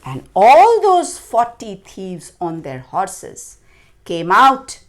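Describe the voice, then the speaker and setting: This children's story is told by a woman at medium pitch, who stresses key words and shapes her lines dramatically in a slow, expressive style.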